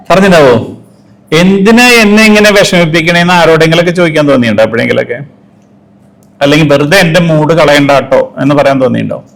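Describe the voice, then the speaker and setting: A man's voice: a little high, creaky, fairly bright tone, poor audio. Man questioning his audience. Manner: asks the audience many questions and acts out everyday quotes. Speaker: speaker giving a talk. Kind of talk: interactive motivational talk.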